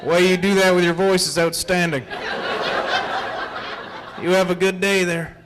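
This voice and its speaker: A man's voice: high voice, level tone, a little slow, crowd noise, noisy background. A man voicing an easygoing small-town male police officer who gushes with admiration. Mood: fawning. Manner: admiring, laid-back.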